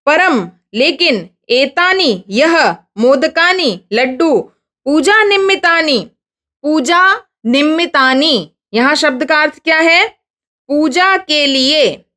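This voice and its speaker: A woman teacher reading Sanskrit phrases slowly, then explaining each one and asking her students questions. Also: high-pitched, lively intonation, bright, forceful tone. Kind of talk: Sanskrit lesson explained in Hindi.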